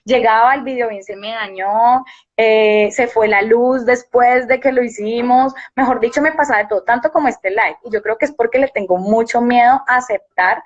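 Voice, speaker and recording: A woman's voice: on the high side, moderate pace. Woman, young, reflective storytelling, dull live-stream audio. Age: young adult. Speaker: university teacher and guest. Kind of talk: casual live-stream chat.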